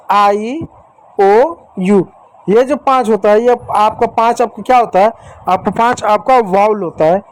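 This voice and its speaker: A man teaching young children letter sounds in a patient, repetitive way, slowly sounding out letters and speaking to the children directly and affectionately. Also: sits high, darkish tone, poor audio. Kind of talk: phonics lesson for young children.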